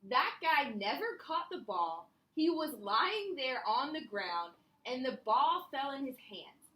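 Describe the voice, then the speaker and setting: Woman voicing bitter young male football player, slow indignant complaint, high voice. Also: very animated, pushed and bright, full character voice. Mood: resentful. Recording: echoey room.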